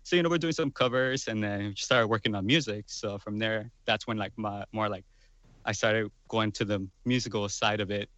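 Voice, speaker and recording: A man's voice: fairly low pitch, normal speed, a bit bright, no room sound. A man in his twenties, a guest musician, talking in a rambling casual way with lots of fillers. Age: 20s. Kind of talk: casual chat.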